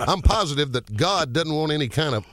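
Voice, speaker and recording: A man's voice: fairly high pitch, animated, a little fast, reverberant. A man from Georgia with a Southern accent, a comedian telling self-mocking hillbilly jokes and laughing through his punchlines. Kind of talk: stand-up comedy and radio interview.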